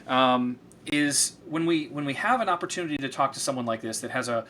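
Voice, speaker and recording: Bright-voiced upbeat male host. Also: medium pitch, expressive, fairly quick, slight background noise. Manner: upbeat, chatty, laughs easily. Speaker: interview host. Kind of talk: casual interview.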